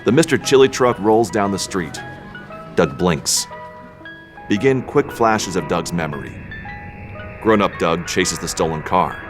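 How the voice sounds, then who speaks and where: A man reading the stage directions in a table read, dry and unhurried. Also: low voice, expressive, music in the background.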